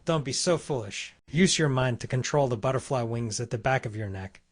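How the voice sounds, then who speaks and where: A man's voice: mid-range voice, animated, fairly quick, no echo, clean studio sound, lightly acted. A man reading the lines of a cocky, mocking young rival in a comic recap, with a taunting delivery. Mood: smug.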